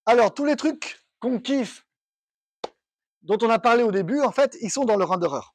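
A man's voice: very high voice, animated, moderate pace, a little hiss or hum. A man giving a technical conference talk, explaining step by step and thinking aloud with restarts. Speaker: conference speaker. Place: conference room.

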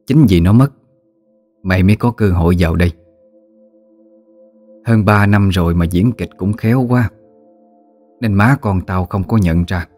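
A stern, vengeful older woman of a magistrate's house interrogates and threatens in a low, harsh voice, as a male storyteller plays her. Her delivery stays cold and commanding, like a villain in a folk ghost tale. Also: darkish tone. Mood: menacing.

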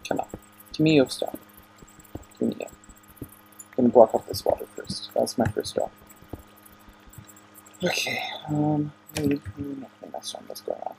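A man's voice: medium pitch, sing-song, a little slow, gravelly, long pauses, dark tone, slight background noise. A young man giving casual commentary as he plays a video game at home, talking to himself and getting easily annoyed. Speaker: gaming channel host. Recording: lo-fi home recording.

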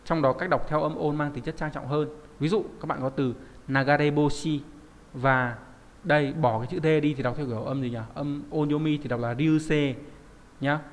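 A man's voice: a little high, steady tone, moderate pace. Male language teacher, chatty and questioning, lingering reverb behind him. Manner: chatty, asks the class rhetorical questions. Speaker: Japanese kanji teacher. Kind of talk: online lesson explaining kanji.

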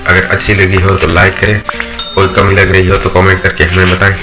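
A man's voice: low voice, a little fast. A man narrating a scripted voice-over explainer, reading steadily with small slips. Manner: steady read-aloud delivery with small slips. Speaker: channel narrator. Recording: voice-over with loud background music.

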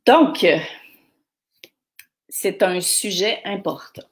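A middle-aged woman with a Québécois French accent, hosting a live stream and chatting casually as she greets viewers by name from the comments. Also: mid-range voice. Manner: slow, warm greetings read from comments.

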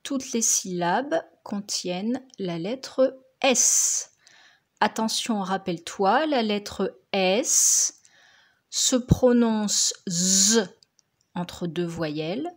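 Woman teacher, husky, very slow and deliberate, dictates syllables to young kids. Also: medium pitch, expressive. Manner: slow, carefully articulated, repeating each syllable. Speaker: primary school teacher.

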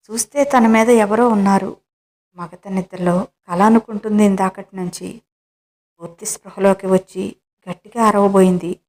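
A woman narrating a romance story in a calm, measured reading. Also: mid-range voice.

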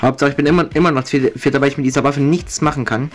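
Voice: medium pitch, steady tone, racing, soft background music. A gamer, griping sarcastically and swearing while chatting with a friend during a match. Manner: sarcastic, foul-mouthed griping. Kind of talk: gaming commentary, casual chat with a friend.

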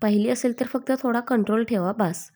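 A woman reading a story aloud, voicing a good-humoured middle-aged father who gently teases his sons. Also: on the high side, a little fast, close to an everyday voice. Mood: teasing.

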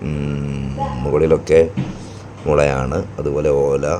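A man with a Kerala Malayali accent narrating a casual travel vlog in halting, repetitive phrases. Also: rumbling low, a little mellow. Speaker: vlogger and narrator. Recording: clear background noise, outdoor ambience.

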